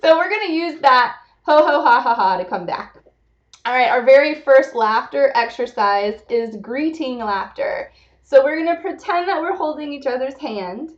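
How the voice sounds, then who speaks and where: A young woman with a fairly high voice leads a laughter yoga lesson from her home computer. She talks in a bright, playful way and keeps breaking into loud, rhythmic ho-ho-ha-ha chants. The webcam audio sounds a little dull and lo-fi. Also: expressive, normal speed. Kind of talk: guided laughter exercise lesson.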